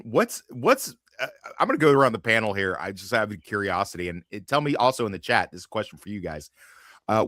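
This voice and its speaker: A man's voice: mid-range voice, bright, forceful tone, dry recording, studio quality. A man hosting a casual panel chat, rambling and swearing freely, laughing often as he goes. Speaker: podcast host.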